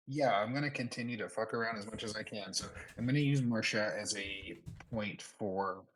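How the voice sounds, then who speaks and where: Male player, low-pitched, playful casual table chat. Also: normal speed, fairly bright tone, poor audio.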